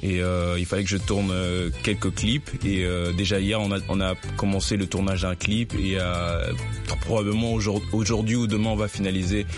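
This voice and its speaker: A man's voice: sits low, flat delivery, moderate pace, hardly any pauses, music in the background. A man from Congo, a musician answering radio interview questions earnestly, with frequent hesitations. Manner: earnest, hesitant, many fillers. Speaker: guest musician.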